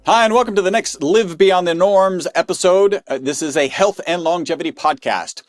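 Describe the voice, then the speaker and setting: A man's voice: sits high, moderate pace, no room sound, clean studio sound, faint music behind. A man hosting a health podcast, introducing his guest and asking questions in an upbeat, conversational way. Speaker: podcast host.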